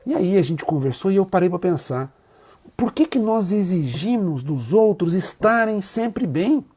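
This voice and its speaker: Brazilian man, spiritual teacher speaking live, moved and earnest, mellow tone. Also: high voice, husky. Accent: Brazilian Portuguese. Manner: emotional, openly moved, speaks with feeling. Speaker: Umbanda priest and teacher. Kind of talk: heartfelt live talk to viewers.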